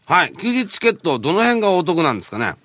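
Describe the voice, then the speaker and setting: A man's voice: sits high, very animated, fast, pushed and bright, no room sound. A man hosting a radio show in a chatty, casual style.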